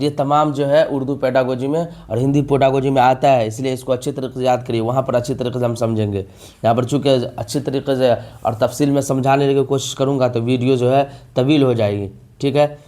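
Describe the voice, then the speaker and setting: A man's voice: medium pitch, steady tone, mellow. A man, teaching an exam-prep vocabulary lesson, repeating each term and asking rhetorical questions. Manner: drawn-out emphasis on key words.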